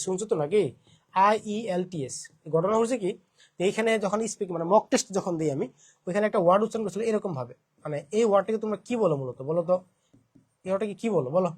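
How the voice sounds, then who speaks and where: A man's voice: sits high, darkish tone, husky. A young man with a Bangladeshi Bengali accent teaching an admission-prep English lesson, asking questions and repeating his points.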